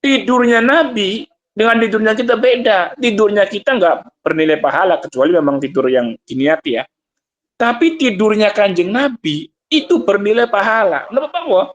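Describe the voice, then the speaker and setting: A man's voice: sits high, expressive, normal speed. A man teaching a religious text in a mosque, in a conversational sermon that mixes recited Arabic with plain explanation and often turns to his listeners with "Pak". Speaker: ustadz teaching a kitab study.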